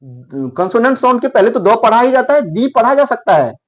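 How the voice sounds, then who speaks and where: A man with a Hindi accent teaching English pronunciation, repeating words slowly for his students. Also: very high-pitched, sing-song. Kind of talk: explaining lesson.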